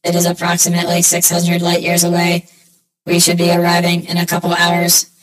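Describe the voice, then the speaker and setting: A woman voicing a calm, dutiful male robot with a robotic voice, giving flat, formal reports. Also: on the low side, a little fast, reverberant, close to an everyday voice, rough recording. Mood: matter-of-fact. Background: soft music.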